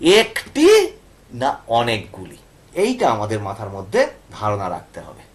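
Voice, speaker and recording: A man's voice: lowish voice, wildly swooping pitch, a little slow. A male teacher with a Bengali accent, explaining grammar to students and often checking they follow with questions. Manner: asks students questions and repeats points.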